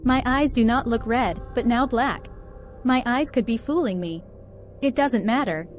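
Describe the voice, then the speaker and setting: High-voiced woman reading a horror tale. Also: a little slow. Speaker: story narrator. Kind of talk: first-person horror story reading. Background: faint background music.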